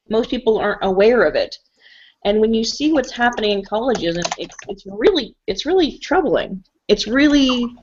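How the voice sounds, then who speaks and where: A woman hosting a casual live stream chat, talking freely and laughing often. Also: medium pitch. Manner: chatty, laughs often, talks with mouth full. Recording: dull lo-fi stream audio.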